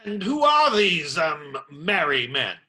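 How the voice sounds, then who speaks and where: A wary, wry friar in a radio play, a reluctant hero. His voice is a bit high and intensely bright, with animated swings of pitch. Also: takes it slowly, exaggerated voice. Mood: doubtful.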